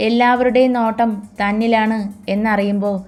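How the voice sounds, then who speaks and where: A woman's voice: a little high, flat delivery, normal speed, a little mellow. Woman narrating a romance story. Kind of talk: scripted narration of a romance audiobook.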